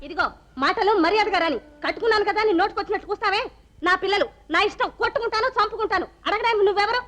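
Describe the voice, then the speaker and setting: An actress playing a scornful, defiant wife who snaps back fast, in an old film. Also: female voice, very high-pitched, a bit bright. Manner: snapping, rapid retorts. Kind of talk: 1960s Telugu film acting.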